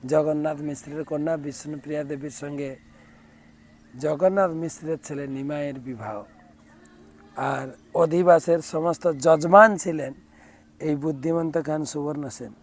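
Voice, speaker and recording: A male monk giving a devotional sermon, retelling a sacred story in vivid, unhurried detail. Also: fairly high pitch, steady tone. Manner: breaks into call-and-response chanting. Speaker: monk preacher.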